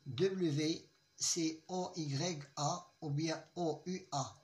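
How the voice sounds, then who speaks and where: A man teaching a basic lesson, explaining slowly with many hesitant fillers and repeating example words. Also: fairly high pitch, steady tone, a little mellow.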